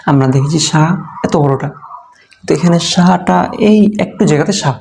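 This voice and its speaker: A man's voice: a little high, moderate pace, vocal fry, darkish tone. A man teaching a beginner's Quran reading class online, patiently repeating letter sounds and answering his own questions.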